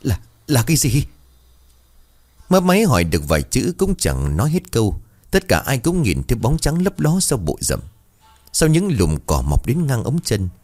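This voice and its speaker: A man narrating a ghost story in a dramatic, expressive way. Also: medium pitch, moderate pace.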